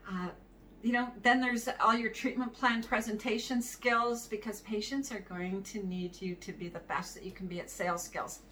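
A woman's voice: medium pitch, fairly even intonation, moderate pace, pushed and bright. A middle-aged woman talks through advice for running a practice, easy and conversational, chuckling now and then. She sits a little back from the mic. A faint hiss runs behind her voice. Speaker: practice management consultant. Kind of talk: solo advice talk to camera. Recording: somewhat distant mic with faint background noise.

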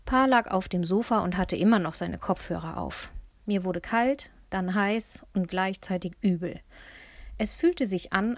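A woman reading a first-person audiobook in a measured, tense storytelling manner. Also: lowish voice, dry recording. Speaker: audiobook narrator. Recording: dry close-miked studio.

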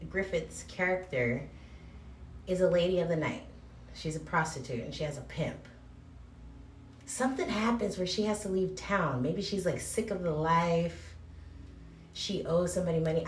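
A woman's voice: on the low side, distant mic. Echoey, cave-sounding woman chatting casually. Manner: rambling, informal, playful asides. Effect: cave-like echo from the room. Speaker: podcast host recommending movies. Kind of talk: casual chat. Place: bathroom, on location. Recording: echoey cave-like bathroom, noisy.

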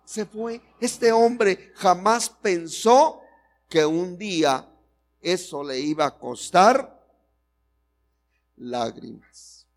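A man's voice: high-pitched, animated, extremely slow, long pauses. A male pastor preaching a sermon, telling a story and acting out the characters' lines while speaking directly to the congregation.

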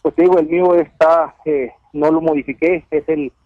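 A man's voice: fairly high pitch, steady tone, moderate pace, no room sound, lo-fi sound. A man from Ciudad Juárez, calling into a radio show and rambling casually, with lots of "eh" fillers. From Ciudad Juárez, Mexico. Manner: rambling, hesitant with many "eh" fillers. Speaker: caller, neighborhood committee president. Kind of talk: casual radio call-in chat.

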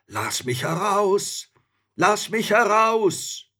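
A man voicing a huge, arrogant male spirit from a bottle in a storybook reading, with drawn-out, booming shouts. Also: very animated, heavily acted. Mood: pleading.

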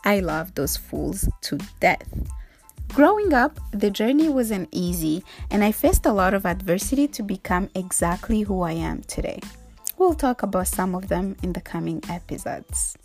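A woman's voice: medium pitch, animated, moderate pace, gravelly, a little mellow, faint music behind. Upbeat young woman from Rwanda hosting. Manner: upbeat, playful, motivational. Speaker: podcast host. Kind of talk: solo podcast monologue.

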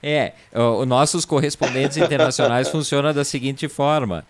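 A man's voice: medium pitch, fairly even intonation, normal speed. A man hosting a live-stream talk show in an easygoing, jokey manner. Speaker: host.

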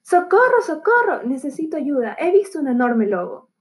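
Pedro, a yelling shepherd boy, put on by a woman. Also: high-pitched, lively intonation, normal speed. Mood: mock alarm. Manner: shouting for help, laughing.

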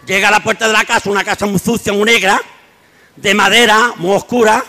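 A man telling jokes on stage as a comedian, animated, acting out his characters' voices. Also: high-pitched, brisk, some chatter behind. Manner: lively storytelling, acts out characters' voices. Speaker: stand-up comedian. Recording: long hall reverb.

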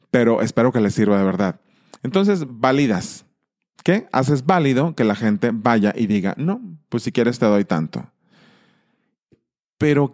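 A man's voice: mid-range voice, a little mellow. A man hosting his channel in a casual monologue, talking emphatically with frequent restarts. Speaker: channel host.

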